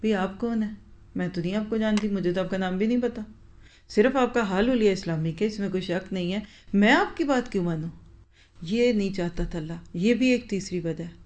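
A woman's voice: medium pitch, a little mellow. A woman religious teacher giving an Islamic lecture, explaining her points, asking pointed rhetorical questions and repeating phrases for stress.

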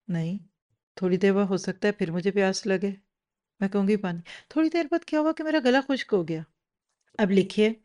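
A woman delivering a Quran lesson in a lively teaching manner. She keeps turning to her listeners with rhetorical questions. Her voice sits at an ordinary middle pitch for a woman. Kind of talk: religious lecture.

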